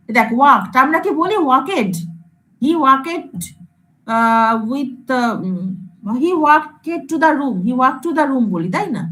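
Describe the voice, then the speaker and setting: A woman lecturer with a high voice teaches a class. She says example words over and over, mixes English terms into her speech and keeps checking whether her students follow. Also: fairly bright tone, poor audio. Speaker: computer science lecturer.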